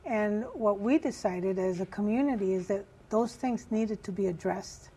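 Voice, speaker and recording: Chair of a community group, this woman answers a news interviewer's questions earnestly, pausing often and using many fillers. Her voice is raspy and mid-range with a dark tone.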